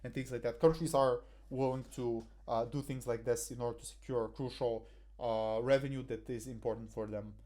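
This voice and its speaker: A young Bulgarian man, a debate coach, talks through a debate motion over slides, using a headset in a small room. His mid-range voice is steady and mellow at a moderate pace, though his delivery is hesitant, full of fillers and restarts.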